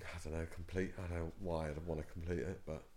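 Blunt swearing man, low voice. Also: level tone, quick pace, dark tone. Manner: blunt, dismissive, swears a lot. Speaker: podcast co-host. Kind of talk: casual chat.

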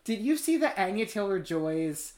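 A woman's voice: medium pitch, sing-song, normal speed, a little mellow. A woman co-hosting a casual podcast, trading dry, jokey banter. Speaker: podcast co-host.

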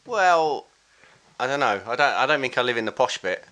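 A man's voice: mid-range voice, animated, normal speed, bright, forceful tone. A man from Reading chatting casually as a podcast guest in an informal, rambling way. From Reading, England. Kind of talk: casual chat.

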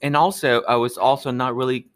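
Earnest Peruvian-born man, halting speech. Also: medium pitch, fairly even intonation. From Peru. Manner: earnest, halting with many restarts. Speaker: guest, architect. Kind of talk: podcast interview.

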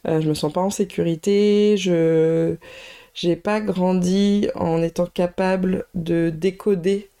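Woman, podcast host, personal storytime monologue, slightly gravelly, mellow dark tone, hesitant and reflective. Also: fairly low pitch, fairly even intonation, slow pace. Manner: reflective, hesitant, with frequent filler sounds.

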